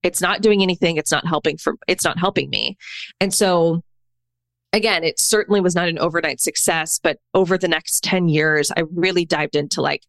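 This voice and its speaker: A woman's voice: on the low side, steady tone, moderate pace, vocal fry, a bit bright, no echo. A woman in her thirties, a podcast guest, talking candidly and casually, full of "like" and "right?". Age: 30s. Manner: candid, chatty, peppers speech with "like" and "right?". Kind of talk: casual conversational storytelling.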